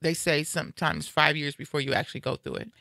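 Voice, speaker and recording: A woman's voice: low-pitched, big pitch swings, fast talker, gravelly, sharp tone, no room sound, studio quality. A woman around fifty, the host, chatting casually and animatedly, laughing as she tells stories. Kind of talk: casual chat.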